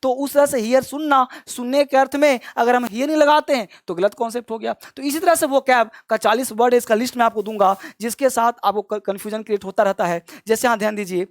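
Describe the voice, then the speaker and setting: A man's voice: very high-pitched, steady tone, fast talker, few pauses, no room sound. A male teacher giving a classroom grammar lesson, explaining step by step and repeatedly telling students to pay close attention. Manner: addresses listeners as kids, explains step by step.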